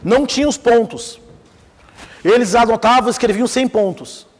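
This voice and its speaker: With a very high voice at a moderate pace and a long reverb tail, a man speaks in a Brazilian Portuguese accent. He's giving an informal lecture on Islamic theology, animated in his storytelling and quick to pose questions to the class.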